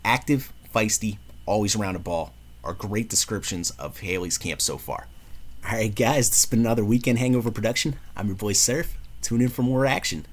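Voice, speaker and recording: A man with a New York accent hosting a casual sports show, talking football in a slangy, lively way. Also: on the low side, fairly quick. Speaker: host.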